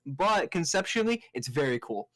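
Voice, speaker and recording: A man's voice: a little high, sing-song, moderate pace, fairly bright tone, dry recording. A young man, a podcast guest, talking earnestly and at length in casual chat. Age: young adult. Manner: earnest, explains at length with restarts.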